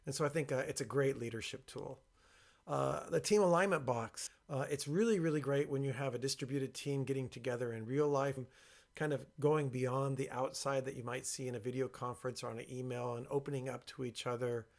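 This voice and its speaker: A man presenting informally and explaining his work, speaking with a box over his head, in a creaky voice. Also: mid-range voice, steady tone, fairly quick. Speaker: workshop creator and presenter.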